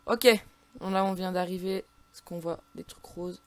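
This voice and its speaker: A woman's voice: fairly low pitch, completely flat delivery, moderate pace, darkish tone, no room sound. A woman with a French accent casually commentating her own video game play, full of frustrated outbursts and stumbling restarts.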